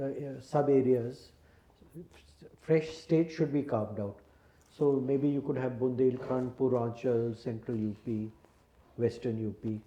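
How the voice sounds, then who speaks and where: A man on an interview panel asking questions in a calm, measured way. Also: mid-range voice, echoey room, muffled recording. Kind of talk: formal mock interview questioning.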